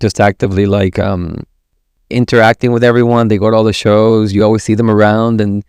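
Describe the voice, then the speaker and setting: A man's voice: lowish voice, brisk, smooth, no echo, studio quality. A man from Ecuador, a gallery director, chatting casually as a podcast guest, rambling with restarts. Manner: relaxed, rambling, with many restarts. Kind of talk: casual interview chat.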